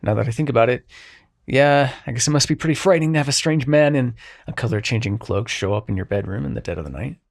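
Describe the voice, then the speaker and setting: A man's voice: mid-range voice, fast, vocal fry, close to an everyday voice. A man playing Morpheus, a sarcastic, grumbling god of dreams, in an intimate scripted roleplay, swearing and sighing at a mortal. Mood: reluctantly conciliatory. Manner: sarcastic, profane, sighing, addresses listener as mortal. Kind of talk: intimate scripted roleplay audio drama monologue.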